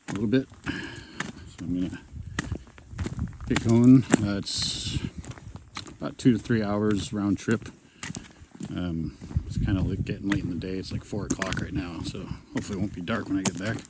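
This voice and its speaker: A man casually narrating a hiking vlog outdoors on a wooded mountain trail, rambling with lots of ums. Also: on the low side. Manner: relaxed, rambling with many ums. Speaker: hiking vlogger. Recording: outdoor noise behind.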